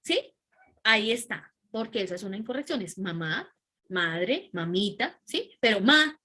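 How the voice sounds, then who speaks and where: A woman teacher giving an animated class and often checking in with her students. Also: mid-range voice, moderate pace. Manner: animated, keeps checking in with "¿sí?" and "¿listo?". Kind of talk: online class lecture.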